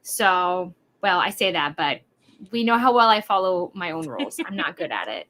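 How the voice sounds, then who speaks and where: A woman's voice: fairly low pitch, very animated, normal speed, a bit bright. A woman from Wisconsin hosting a casual livestream, chatty and bubbly, over-caffeinated and hyper, rambling with lots of fillers. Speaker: livestream host.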